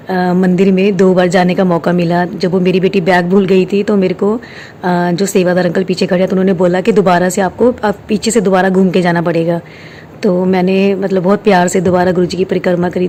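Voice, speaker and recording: Woman, 30s, mellow devotional storyteller, hesitant, faint hiss behind. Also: fairly low pitch. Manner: hesitant, many fillers, mixes in English words. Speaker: devotional storyteller sharing a personal experience. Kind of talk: casual spiritual testimony. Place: quiet room at home.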